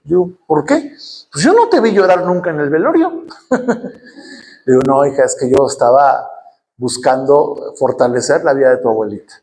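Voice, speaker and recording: Mexican pastor, middle-aged man, high voice, preaches a church sermon with impassioned shouting. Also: animated, normal speed, a little hiss or hum. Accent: Mexican Spanish. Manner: storytelling, rising to passionate shouting.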